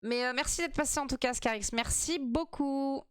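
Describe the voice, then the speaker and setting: A woman's voice: high voice, normal speed, a bit bright, dry recording, studio quality. A woman streamer chatting casually and playfully while reacting to a TV quiz, swearing freely.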